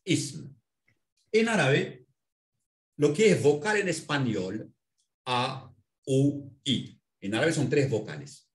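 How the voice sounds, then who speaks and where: A man teaching a language in an interview, patiently explaining and spelling out words slowly. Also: medium pitch, expressive, roomy sound. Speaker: Arabic language instructor.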